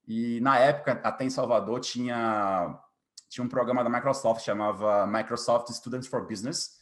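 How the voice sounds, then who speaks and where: This Bahian Brazilian software developer, in his late twenties, is an interview guest telling his personal story in a casual way and often adding small tag questions. He speaks at normal speed with a medium pitch, fairly even intonation and a slightly bright tone.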